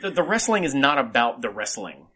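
A man hosting a podcast in casual chat, emphatic and halting, repeating himself and swearing freely. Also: medium pitch, sing-song, sharp tone. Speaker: podcast host.

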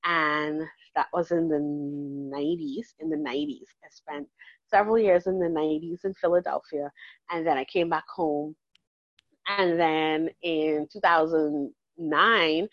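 Bahamian lady counselor, 40s, warm and laughy, dry kinda lo-fi call audio. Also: deep voice, fairly even intonation, a little slow, no room sound. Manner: warm, chatty and laughs easily. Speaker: counselor and guest. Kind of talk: casual interview conversation.

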